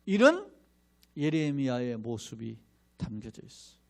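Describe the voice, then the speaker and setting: A man's voice: mid-range voice, huge pitch swings, unhurried. A middle-aged man, a pastor, preaching a sermon with emphatic delivery and rhetorical questions to the congregation, sometimes acting out mocking voices. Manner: acts out mocking crowd voices in asides.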